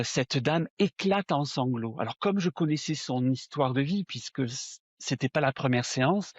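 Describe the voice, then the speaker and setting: A southern French man in his sixties recounts his experiences as an interview guest, talking to the interviewer directly and padding his speech with fillers. His voice sits a little high. The sound is dry and a bit muffled. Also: no room sound. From south of France. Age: 60s. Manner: animated, addresses the listener with "tu vois", many fillers. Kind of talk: casual storytelling in an interview. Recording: dull, dry low-fidelity sound.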